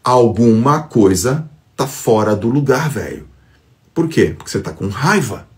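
A man's voice: medium pitch, animated, a little slow, darkish tone. A man giving an emphatic motivational talk to followers on a phone live stream, acting out quoted thoughts.

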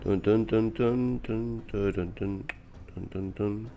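Joven español cansado comentando una partida. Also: male voice, on the low side, steady tone, takes it slowly, noisy background. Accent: Spain Spanish. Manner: chatty, swears often, teases the opponent. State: tired. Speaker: streamer. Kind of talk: casual gameplay commentary. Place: small room indoors.

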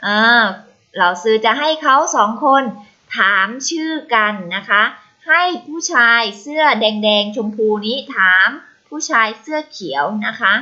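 Thai-accented woman, primary Chinese teacher, bright higher voice, patient and repetitive, lo-fi recording. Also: lively intonation. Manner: patient, repeats words slowly for pupils to copy. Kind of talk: recorded online lesson. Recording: slightly dull lo-fi recording.

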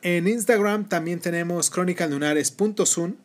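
Higher-pitched male podcast host. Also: normal speed. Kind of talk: history podcast, partly read narration with casual asides.

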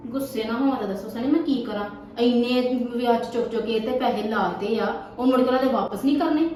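A woman's voice: on the high side, quick pace, recorded from a distance, natural voice. A woman playing a scolding, irritable wife. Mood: annoyed. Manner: scolding, sharp-tongued, grumbling. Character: irritable, complaining wife worried about money. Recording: echoey room, voice off-mic, faint noise.

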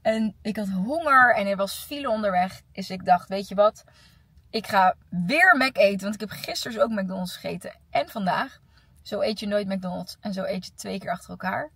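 Young Dutch woman vlogger, casual and chatty, slightly husky, close dry sound. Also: medium pitch, fairly quick, no echo, far from the mic. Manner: chatty, animated storytelling. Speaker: vlogger, teacher. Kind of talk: casual weekly vlog. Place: car and on the go.

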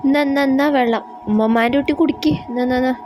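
A woman's voice: high-pitched, fairly even intonation, very fast, a little mellow, soft background music, close to an everyday voice. A woman playing an older grandmother in a homemade family skit. The grandmother coos over one grandson and scolds the others. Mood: coaxing. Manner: coaxing and scolding by turns, sing-song baby talk.

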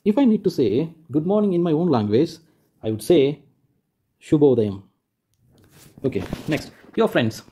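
This is a man, walking young pupils through a textbook lesson. His voice is fairly high but mellow and a little husky. He repeats each point, rephrases it, and points things out as he goes. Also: expressive, normal speed, long pauses. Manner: points and demonstrates with "like this". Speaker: teacher. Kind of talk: explaining a school textbook lesson.

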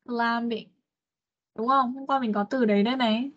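A woman English teacher on an online class call, explaining patiently and drilling words slowly. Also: a little high, steady tone, a bit bright. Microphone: computer mic on video call. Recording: dull, lo-fi video call audio.

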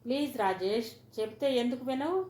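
A woman's voice: fairly high pitch, lively intonation, normal speed, a little mellow, natural voice. A woman voicing an anxious young wife. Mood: pleading. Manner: pleading, hesitant. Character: young newly married woman, anxious and tearful. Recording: roomy echoey recording.

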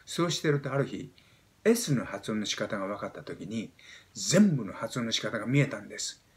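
A Japanese man in his seventies teaching pronunciation, explaining step by step and demonstrating sounds with animated emphasis. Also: lowish voice, normal speed. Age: 70s. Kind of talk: explaining lesson.

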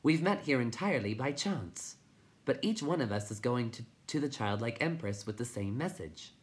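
A man's voice: medium pitch, expressive, pitched above the performer's own voice, lightly acted. Perky little fellow in a top hat, chirping and eager; a man plays him. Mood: chirpy. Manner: chirpy, brisk.

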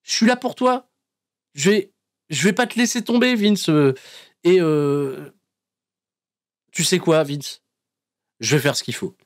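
A man voicing a tough male wrestler who turns earnest and sweetly comforting, speaking in an over-gentle, reassuring way. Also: fairly high pitch, measured pace, long pauses, no room sound, studio quality, pitched above the performer's own voice, natural voice.

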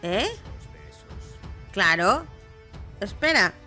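A young woman from Spain with a Spanish accent, chatty and excitable, reading patch notes and commentating her own gameplay. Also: medium pitch, extremely slow, faint music behind. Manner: chatty, excitable, many repeated fillers like vale. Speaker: gaming streamer.

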